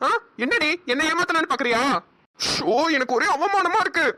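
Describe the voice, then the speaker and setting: A woman with a Namakkal Tamil accent voicing a flustered, hot-tempered older brother in a cartoon, stammering and shouting. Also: high-pitched, lively intonation, moderate pace. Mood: furious. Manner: flustered, stammering then explosive. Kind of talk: cartoon voice acting.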